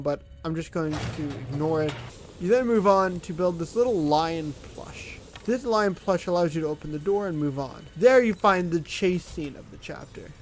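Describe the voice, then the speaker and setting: A gaming video creator narrating a casual scripted game recap in a blunt, sarcastic and dismissive way. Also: mid-range voice.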